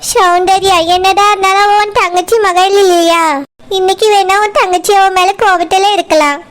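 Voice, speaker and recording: A woman's voice: extremely high pitch, steady tone, normal speed, a bit bright. A woman doing a kindly, coaxing old cartoon grandmother. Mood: pleading. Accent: Kanyakumari Tamil. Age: older. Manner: soothing, pleading. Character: kindly old grandmother who preaches forgiveness. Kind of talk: cartoon voice acting.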